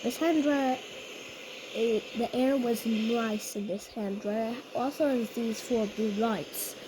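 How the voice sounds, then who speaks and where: Slow, halting woman narrating a vlog, some noise. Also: fairly high pitch. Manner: halting, repetitive delivery with restated phrases. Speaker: video narrator. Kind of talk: casual vlog commentary on recordings.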